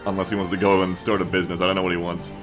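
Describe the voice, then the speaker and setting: A low-pitched, level-toned man talks very fast while streaming a game, chatting and joking casually and swearing freely over background music.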